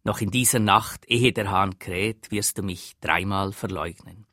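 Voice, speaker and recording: A man voicing a grave teacher who speaks slowly and quietly. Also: fairly low pitch, dry recording, clean studio sound. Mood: solemn.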